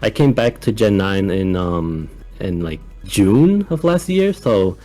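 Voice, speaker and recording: A young man from Ecuador, now living in the United States, talking calmly and casually as a guest in an interview. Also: low voice, slow pace, soft background music. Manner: calm, laid-back, soft-spoken with frequent laughs. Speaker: guest coach.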